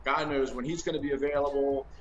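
A man's voice: medium pitch, fairly even intonation, quick pace, muffled recording. A middle-aged man with a mid-range voice breaks down a match over a video call from home. He talks thoughtfully, hedging and padding his points with "you know" and "I mean". The webcam sound carries a faint hum of room noise. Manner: thoughtful, hedging with many fillers and restarts. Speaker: co-host analyst. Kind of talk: casual football analysis.

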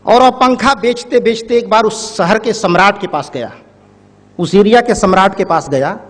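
A man's voice: sits high, moderate pace. A man giving a motivational speech to an audience, telling a parable in a rhetorical storytelling manner. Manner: rhetorical, storytelling, addresses the crowd directly. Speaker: public speaker. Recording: echoey hall.

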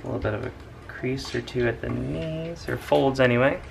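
A man, a dad, casually talking through a drawing step by step in an unhurried way. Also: mid-range voice, gravelly, a little hiss or hum. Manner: unhurried, talks through each stroke. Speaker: dad drawing on a family channel. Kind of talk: casual drawing tutorial narration.

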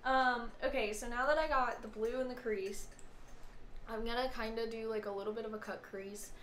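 A young woman chatting casually as she talks through a makeup tutorial step by step, giggly and relaxed. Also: on the high side, moderate pace. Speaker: makeup vlogger. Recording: echoey room with clear background noise.

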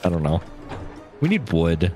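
A man's voice: low voice, sing-song, measured pace, warm tone, faint music behind. A man playing a co-op game with a friend, joking and teasing in casual chat. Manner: jokey, playful teasing. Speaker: co-op gaming partner.

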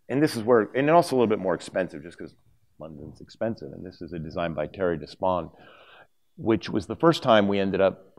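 Middle-aged man, very low voice, conference presenter at a lectern, loose and conversational, trips over his words now and then. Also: vocal fry, darkish tone. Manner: conversational, with many fillers and restarts. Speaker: conference speaker. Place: conference hall stage, at a lectern. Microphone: lapel mic.

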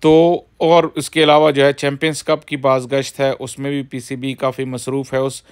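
Man, casual vlog narration, mid pitch, explanatory, filler phrases, phone camera outdoors. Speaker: cricket vlogger.

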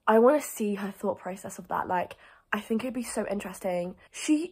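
Young woman, breathy voice, gushing casual book chat, lots of "like". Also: mid-range voice, darkish tone. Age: young adult. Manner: chatty, gushing, heavy use of "like". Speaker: book vlogger. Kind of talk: casual reading vlog.

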